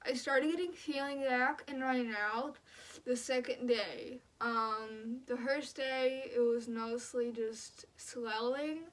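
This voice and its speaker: A woman's voice: fairly high pitch, fairly even intonation, takes it slowly, low-quality recording. A young woman vlogging casually about her own experience, talking in a blunt, slangy way peppered with "like". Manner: blunt, slangy, frequent "like" filler. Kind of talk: casual personal vlog recounting.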